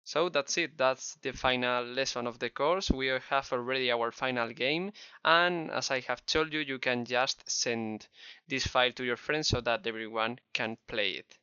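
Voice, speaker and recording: Narrating a screen-recorded game development tutorial, a Spanish-accented man goes step by step in a friendly, encouraging tone. His medium-pitched voice is pushed and bright but smooth at a moderate pace, with no echo, captured by a dull, slightly lo-fi close mic.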